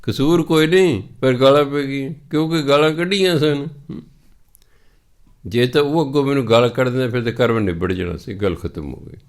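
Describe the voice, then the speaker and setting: A man with a Punjabi accent preaching a scripture exposition, explaining verses and chanting them slowly. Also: mid-range voice. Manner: slow, chants scripture lines in a drawn-out cadence. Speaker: religious preacher.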